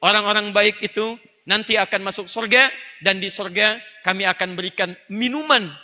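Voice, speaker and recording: A man preaching a religious lecture in a high, very bright voice. He teaches emphatically, speaks straight to his listeners and breaks into fluent Arabic recitation. A long hall reverb trails behind each phrase. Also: steady tone, normal speed. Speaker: Islamic preacher.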